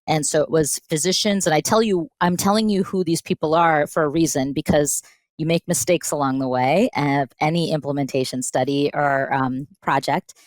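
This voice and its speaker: A woman with a low, deep-set voice talks through a podcast interview as a guest physician. She tells her story in a lively, animated way, slipping into quoted dialogue. The sound is dry and close, with no room behind her. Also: normal speed, dry recording. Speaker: pediatric intensivist guest.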